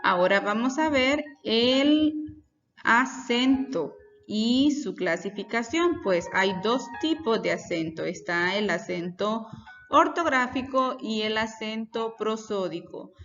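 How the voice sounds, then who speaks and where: A woman with a fairly high, expressive, somewhat bright voice teaches a recorded class lesson. She moves deliberately, explaining each step and asking her students questions. The audio is reverberant, dull, and lo-fi, with faint music behind her.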